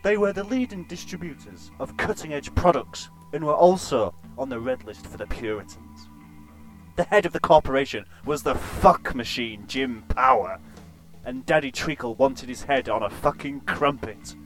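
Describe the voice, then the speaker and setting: Deadpan man narrating an absurd story. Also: mid-range voice, normal speed, faint music behind. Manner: deadpan and crude.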